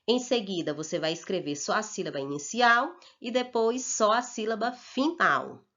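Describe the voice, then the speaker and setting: A woman teacher, slowly talking children through a worksheet and checking in with "ok?". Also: medium pitch, lively intonation, fairly bright tone. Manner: slow and deliberate, checks in with "ok?". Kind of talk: slow, patient worksheet instruction for children. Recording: dull lo-fi recording.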